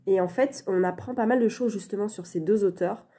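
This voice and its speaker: A woman's voice: medium pitch, brisk, mellow, breathy edge. A woman chatting casually in a reading vlog, talking into her phone with many fillers and restarts. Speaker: book vlogger. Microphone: phone camera. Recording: phone on a stand, dim light.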